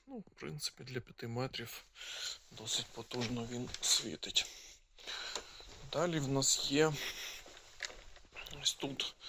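A gadget reviewer gives a casual, unscripted product demonstration, explaining things and thinking aloud as he goes. His voice is mid-range and creaky. The phone filming the demo also picks up background noise.

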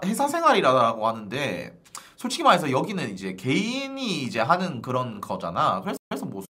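Ranting bright-voiced male streamer. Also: mid-range voice. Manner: exasperated, ranting, repeats "아니" constantly. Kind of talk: live stream rant to viewers.

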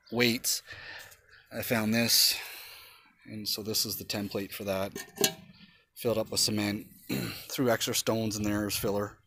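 A man's voice: lowish voice, pushed and bright. A man casually showing off his homemade backyard gym equipment, talking in a rambling way with many fillers and an occasional curse, filmed on a handheld phone outdoors. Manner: rambling, swears when straining, many fillers. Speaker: vlogger. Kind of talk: casual show-and-tell. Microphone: handheld phone camera.

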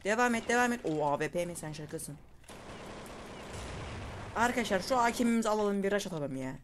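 Excitable young man narrating gameplay. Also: high voice, brisk. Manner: excitable, calls out moves to viewers. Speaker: gaming YouTuber. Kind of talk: casual gameplay commentary. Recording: faint game noise and gunfire behind.

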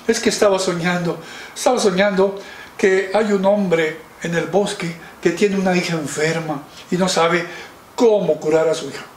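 A man voicing a gentle but cunning dragon's wife who pleads and coaxes, in a children's story. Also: high-pitched, steady tone, moderate pace, a little hiss or hum, close to an everyday voice. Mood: pleading. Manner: pleading, sweetly sly. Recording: roomy, distant mic.

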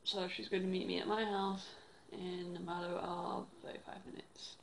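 In her bedroom and later elsewhere at home, a young English vlogger rambles at a phone camera held at arm's length, using many fillers. Her fairly low voice barely moves in pitch and keeps a moderate pace. The audio is poor, with slight background noise.

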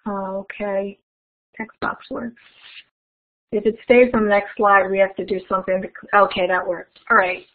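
Speaking at normal speed with little pitch movement, a medium-voiced woman presents a webinar keynote. She guides attendees through an interactive task in a friendly manner, and the audio is tinny and phone-like.

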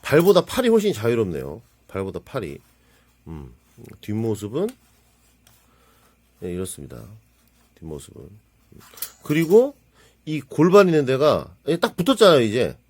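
Excitable husky man narrating a model build. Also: medium pitch, fairly quick. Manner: excitable, exclaims and mutters while handling parts. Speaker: model kit builder reviewing his build. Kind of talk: casual hands-on hobby narration.

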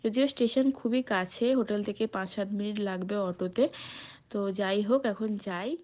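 A woman's voice: medium pitch, fairly quick, a little mellow. Chatty woman vlogging a trip. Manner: chatty, addresses viewers directly. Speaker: travel vlogger. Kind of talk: casual travel vlog narration. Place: train journey.

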